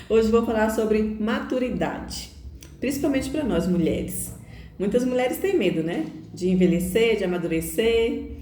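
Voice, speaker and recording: A middle-aged woman hosting a reflective monologue, unhurried, with soft laughs and frequent tag questions. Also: a little high, animated, a little hiss or hum. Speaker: host. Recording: echoey room.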